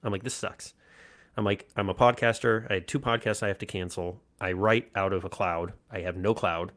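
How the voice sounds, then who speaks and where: A man's voice: fairly low pitch, fairly quick. A man, a podcast co-host telling a casual story and acting out the voices of the people in it. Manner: animated anecdote telling, acts out quoted voices.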